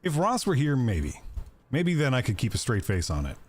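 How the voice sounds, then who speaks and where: A man's voice: mid-range voice, wildly swooping pitch, normal speed, a little mellow. A man streaming a video game, chatting casually and joking with viewers while he plays. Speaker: gaming streamer. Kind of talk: casual gameplay commentary.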